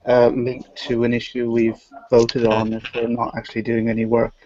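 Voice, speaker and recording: A man's voice: medium pitch, completely flat delivery, normal speed, dark tone. A man taking part in an online course meeting, easygoing, who asks a question. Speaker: course participant. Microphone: video call. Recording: muffled call audio.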